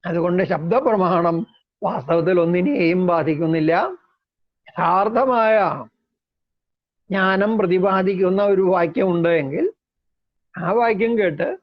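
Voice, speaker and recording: A man lecturing on philosophy in a slow, measured way, explaining terms step by step. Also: high-pitched. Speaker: lecturer on Indian logic. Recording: dull lo-fi recording.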